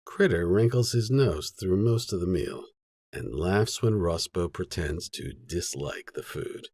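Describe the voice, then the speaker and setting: An audiobook narrator reads literary fiction in a low, husky voice. His delivery is measured and sober, though his pitch moves lively through each sentence. The studio-quality recording has no echo.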